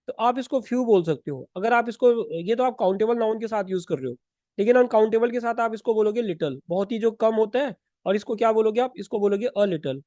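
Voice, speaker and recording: A man teaching English vocabulary for exams, explaining step by step with rhetorical questions and quick self-corrections. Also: high voice, warm tone, dry recording, muffled recording. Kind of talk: exam-prep lesson in Hindi-English mix.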